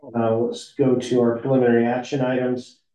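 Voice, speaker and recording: A man with a very dark, mellow tone runs a board meeting step by step, pausing on uh and um. His voice comes over a remote call line, muffled and roomy. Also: medium pitch, level tone. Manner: measured, with frequent uh and um fillers. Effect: heard over a remote call line that breaks up. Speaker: district counsel chairing a board meeting. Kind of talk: formal procedural meeting chairing. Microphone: remote call audio. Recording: muffled echoey call audio.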